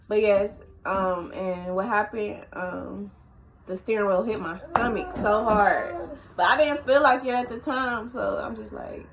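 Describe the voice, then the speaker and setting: A woman vlogger telling a personal story to the camera, halting and emotional, with many fillers and restarts. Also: mid-range voice, a bit bright, slight background noise, rough recording.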